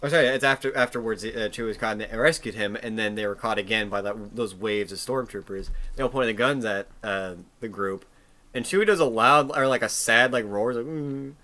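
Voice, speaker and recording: A man on a podcast, retelling a scene in a halting way with many restarts. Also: lowish voice, sharp tone. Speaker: podcast co-host. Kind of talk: casual chat.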